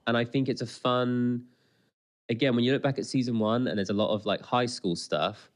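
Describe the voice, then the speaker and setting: A man co-hosts a podcast in casual chat, speaking at a normal speed in a medium-pitched, fairly even voice. He's chatty and rambling, and often interrupts himself.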